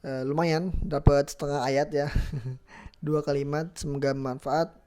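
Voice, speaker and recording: Slow, mellow-voiced tajwid teacher. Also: medium pitch, level tone. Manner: patient, repeats each sound slowly, checks with a tag question; drawn-out chanted recitation of examples. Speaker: Quran recitation teacher. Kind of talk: tajwid lesson with recited demonstrations.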